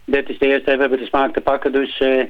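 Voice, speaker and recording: A man's voice: medium pitch, completely flat delivery, quick pace, no echo. A man calling in to a radio show over the telephone, chatting in an easygoing, upbeat way about his new single. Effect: heard over a telephone line on the radio. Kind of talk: casual on-air phone chat. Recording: thin, dull phone-line sound.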